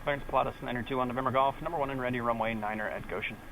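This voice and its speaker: A man's voice: mid-range voice, steady tone, racing, vocal fry, a bit bright. A man working as a pilot, making clipped radio calls over a pilot headset. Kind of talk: aviation radio phraseology. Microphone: aviation headset. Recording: noisy cockpit headset radio audio. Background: aircraft cabin noise.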